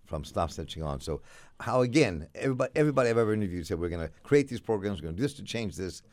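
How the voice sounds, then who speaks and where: A man with a smooth radio host delivery, moderating a call-in interview from a studio and keeping the show moving briskly. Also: fairly low pitch, expressive, a little mellow, no room sound. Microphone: studio mic.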